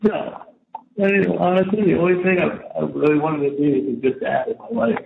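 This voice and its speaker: A man calling his parents from a jail payphone, talking in halting bursts and restarting his words. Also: fairly high pitch, gravelly. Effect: jail payphone line. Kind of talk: casual phone call. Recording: muffled, echoey, noisy payphone line.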